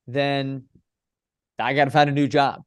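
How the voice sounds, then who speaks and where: A young man in his twenties, a baseball broadcaster chatting as a podcast guest in an animated, storytelling way. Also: mid-range voice, a little slow, smooth, no room sound, clean studio sound. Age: 20s. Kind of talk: conversational interview.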